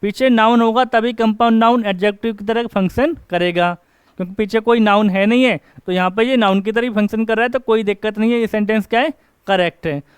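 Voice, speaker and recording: A man teaching an English grammar class, asking questions and answering them himself and reading example sentences slowly. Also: high voice, fairly even intonation, smooth, dry recording. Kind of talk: classroom lecture. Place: coaching class.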